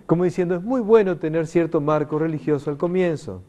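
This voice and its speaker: A man's voice: a little high, a little fast. A middle-aged man, giving an emphatic spoken lecture to an audience and acting out the quoted voices. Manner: warm, emphatic, animated teaching delivery with quoted voices. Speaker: lecturer on consciousness.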